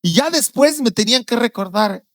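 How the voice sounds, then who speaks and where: Earnest Guatemalan pastor preaching. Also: male voice, lively intonation, normal speed, no echo. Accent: Guatemalan Spanish. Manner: storytelling, acting out quoted voices with sudden loud outbursts; earnest, drops low and quiet on serious points. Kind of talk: sermon.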